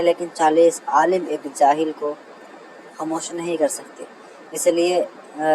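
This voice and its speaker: A man teaching Arabic grammar in a lecture, who keeps calling his listeners brother, reads example sentences slowly and answers his own questions. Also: a little high, a little mellow, a little hiss or hum, low-quality recording. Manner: asks a question and answers it himself. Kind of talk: classroom lecture.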